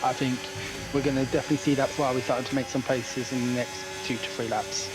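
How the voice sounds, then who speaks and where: A man's voice: mid-range voice, fairly even intonation, fast talker, over music, rough recording. A man giving conversational motorsport commentary on a sim race as the analyst, reasoning through tactics.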